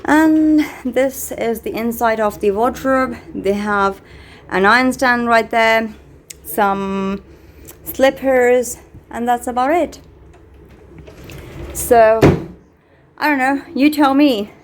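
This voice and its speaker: A woman vlogging at a hotel narrates a casual handheld video at an unhurried pace, her mid-range voice halting and chatty. She moves from a small hotel room to the lobby, corridors and elevator, and the noisy recording picks up faint background ambience.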